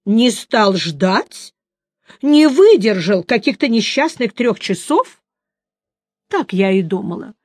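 A woman reading aloud voices a capricious, haughty mermaid with a high, trilling, mocking voice. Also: sing-song, slow, darkish tone, dry recording.

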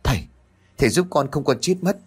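A man's voice: a little high, expressive, fairly quick, slightly rough, voice pushed up. A man voicing a flustered, stammering husband. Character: frightened, blustering middle-aged father and husband.

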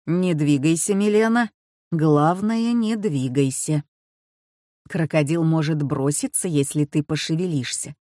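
A man's voice: unhurried, darkish tone, no room sound, studio quality, lightly acted. A woman reading a storybook, voicing a frightened husband who urgently tells his wife not to move. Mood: tense hushed. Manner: urgent, low insistent warnings. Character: frightened husband facing a crocodile, trying to stay calm.

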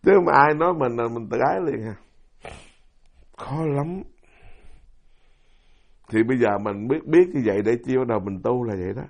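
Over a dull, lo-fi recording, a Buddhist monk in middle age tells stories and poses rhetorical questions to his audience during a dharma talk. His Southern Vietnamese-accented voice sits mid-range, with lively intonation, a moderate pace and long pauses.

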